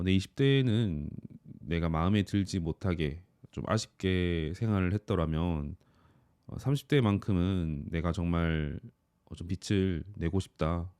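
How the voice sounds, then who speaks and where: A thirty-year-old man, an office worker and YouTuber, reflecting on his year in an earnest, calm personal monologue. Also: low voice, moderate pace, clean tone, dry recording, clean studio sound.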